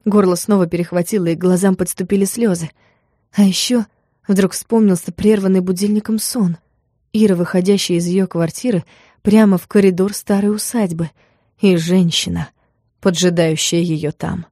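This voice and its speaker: A woman narrating a story in an even, measured way. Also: on the low side, dry recording, clean studio sound. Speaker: audiobook narrator. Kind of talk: scripted narration.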